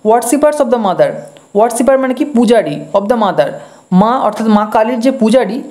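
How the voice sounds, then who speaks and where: Woman teacher with a warm, mellow, fairly high voice. Reads each English line slowly, then explains it quickly. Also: expressive. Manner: patient, explanatory. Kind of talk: line-by-line text explanation lesson.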